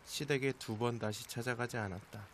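A man calmly narrating a documentary from a script. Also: medium pitch, fairly quick, slight background noise.

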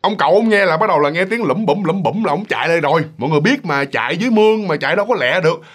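Speaking fast and a bit roughly in a higher register, this Southern Vietnamese man spins a ghost story. His delivery is relaxed and animated, and he often turns to address the audience directly.

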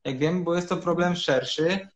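Joining by video call from a room in his home, a urologist guest in his thirties answers interview questions, explaining treatments in measured sentences and hesitating often. His voice sits on the high side, and the highs are cut off.

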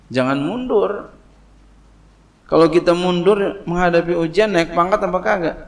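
A middle-aged man giving a casual, lively sermon, acting out little dialogues and translating Arabic phrases. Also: sits high, unhurried. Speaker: Islamic preacher teaching a classical text. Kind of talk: casual sermon in Indonesian with Jakarta slang.

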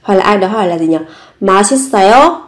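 A woman's voice: mid-range voice, fairly even intonation. Patient woman teaching Korean phrases. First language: Vietnamese. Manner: patient, repeats each phrase slowly. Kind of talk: online language lesson.

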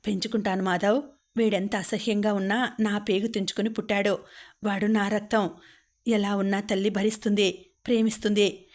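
A woman's voice: medium pitch, level tone, moderate pace, darkish tone, natural voice. A woman reading an anguished young mother. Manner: pleading, tearful.

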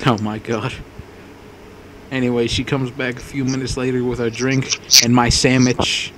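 A man narrates a visual novel between crude jokes, laughing easily at his own lines. His voice sits at a middle pitch, and a faint hiss of background noise runs under it. He talks into a wireless mic. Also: level tone, normal speed, a bit bright. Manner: crude, joking, laughs often. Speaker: let's play host reading game text aloud. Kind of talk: casual gaming banter.

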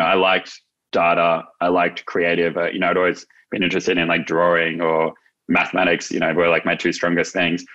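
A young adult Australian man, a marketing agency founder, chats casually and reflectively as an interview guest on a video call from a small indoor office. His deep voice sounds pushed and bright. No headset is visible, and the call audio is slightly dull.

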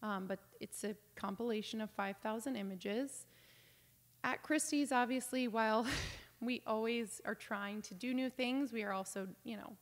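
A woman's voice: on the high side, normal speed, long reverb tail. A young adult woman giving an informal lecture over slides, conversational with frequent ums and enthusiastic asides, over a video call from a home office. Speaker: auction house business development director giving a lecture.

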